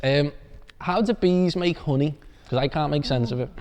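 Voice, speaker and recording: Male co-host, higher voice, joking questioner, long reverb on the recording. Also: darkish tone. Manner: joking, quick reactions, mock disgust. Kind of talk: casual podcast chat.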